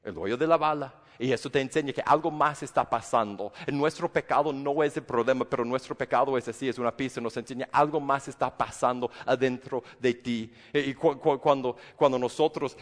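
A man's voice: medium pitch, brisk, few pauses. Pastor man, casual sermon, stumbles and restarts, long hall reverb. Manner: conversational, many restarts, acts out quoted voices.

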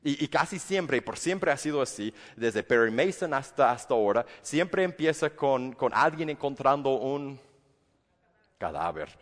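A man's voice: medium pitch, very animated, unhurried, a bit bright, in a large hall. A man preaching a sermon as a pastor, in a conversational way with frequent restarts, sometimes acting out the voices of others. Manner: conversational, many restarts, acts out quoted voices.

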